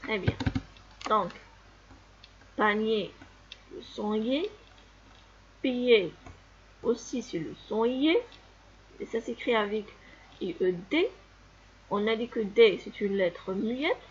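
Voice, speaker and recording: In a lo-fi recording, a woman with a fairly high, expressive voice and a breathy edge teaches young children to read. As a primary school teacher, she goes slowly and patiently repeats every sound and word for the pupils.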